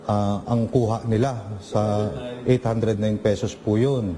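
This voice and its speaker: A man's voice: lowish voice, little pitch movement, slow, crowd noise. A man explaining a complaint politely, addressing someone as sir. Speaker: complaining employee. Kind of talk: clip of a recorded statement.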